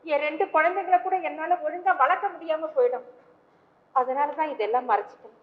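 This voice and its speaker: A woman's voice: high voice, a little fast, lightly acted. An actress playing a worried young mother confessing to a priest, hesitant and pleading in her delivery. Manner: pleading, hesitant with soft fillers. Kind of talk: vintage stage play acting. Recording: dull old stage recording.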